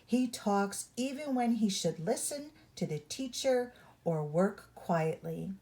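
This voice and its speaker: With a medium-pitched, slightly mellow voice, she reads a picture book aloud as a storyteller, shaping each phrase carefully and instructively for young children.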